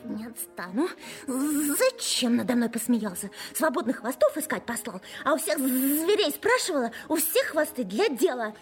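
A woman voicing a pestering female housefly in an audio fairy tale, with a nagging, whining, breathy voice. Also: high voice, very animated, normal speed, soft background music.

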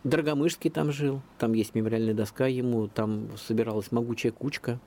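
A man with a mid-range voice speaks fairly quickly as a radio interview's local historian guest. His explanations run long and meander, told in a chatty, lively storytelling style.

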